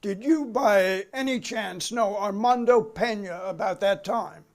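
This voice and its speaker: Playing a methodical committee counsel in a dramatic hearing reading, a man with a high voice questions a witness at a measured pace. His manner is businesslike, clipped, official and persistent.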